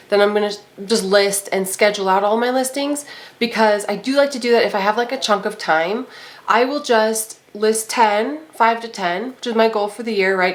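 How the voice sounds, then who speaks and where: A woman, possibly in her thirties, chatting casually to camera with a congested, nasal voice from a cold, rambling with lots of fillers. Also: medium pitch. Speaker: vlogger and eBay reseller.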